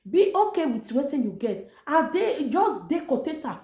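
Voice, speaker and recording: Mellow yet high-pitched, with big pitch swings, a woman speaks at a moderate pace in Nigerian Pidgin with a Nigerian accent. She's an online motivational vlogger giving an informal, emphatic, repetitive exhortation. The audio is echoey.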